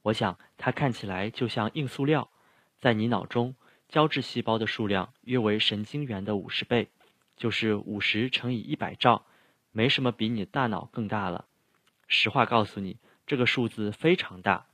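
A middle-aged pastor teaches in a sermon, earnestly explaining points and addressing the congregation directly. His lowish, husky voice has a fairly bright tone and a moderate pace, recorded dry.

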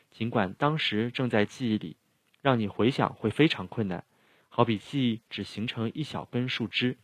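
A man's voice: fairly low pitch, a bit bright, dry recording. A middle-aged man preaching, earnestly explaining things and speaking straight to his listeners. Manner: earnest, explanatory, addresses the audience directly. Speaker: pastor. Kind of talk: sermon teaching.

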